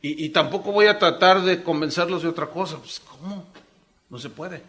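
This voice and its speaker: A middle-aged man from Mexico preaching a sermon as pastor, telling stories in an animated way and acting out the voices of the people he quotes. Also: fairly high pitch, moderate pace. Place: church congress hall.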